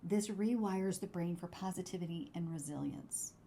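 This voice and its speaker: A woman presenting a scripted instructional talk as a wellbeing coach, with measured, deliberate, encouraging phrasing. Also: fairly low pitch, creaky, dark tone, a little hiss or hum.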